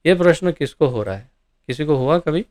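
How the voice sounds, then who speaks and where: A man's voice: fairly high pitch, brisk. A man teaching a devotional scripture class, asking his listeners questions and animatedly explaining verses. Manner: animated, rhetorical questions to audience. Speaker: ISKCON preacher.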